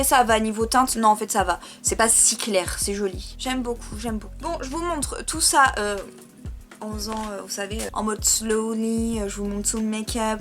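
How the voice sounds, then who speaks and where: A woman's voice: on the high side, a bit bright. A young woman chatting casually in a beauty vlog, self-mocking and talking while she tries on makeup. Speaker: beauty vlogger. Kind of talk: casual makeup tutorial chat.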